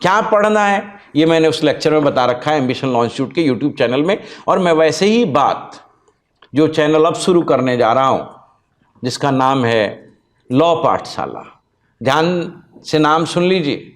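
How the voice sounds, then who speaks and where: A man's voice: fairly high pitch, expressive, normal speed. Emphatic male law teacher. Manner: emphatic, repeats key points, spells out words letter by letter. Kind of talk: lecture and channel introduction.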